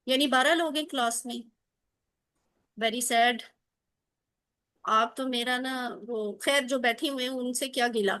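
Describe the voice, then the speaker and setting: A woman's voice: on the high side, long pauses, a bit bright. A woman teaching an online class, encouraging her students and often asking them questions. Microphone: video call.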